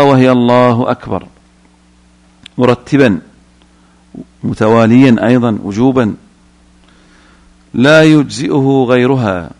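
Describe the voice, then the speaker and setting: A man's voice: medium pitch, creaky, a little mellow. A man teaching Islamic jurisprudence, reading a line from a text and then explaining it, often putting questions to his students.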